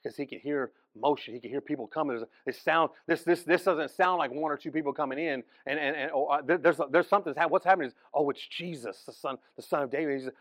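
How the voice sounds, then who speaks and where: A man preaching as pastor, telling the story in an animated way, acting out the people in it and restarting phrases often. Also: on the high side, dry recording. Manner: animated storytelling, acts out voices, frequent restarts. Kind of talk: sermon.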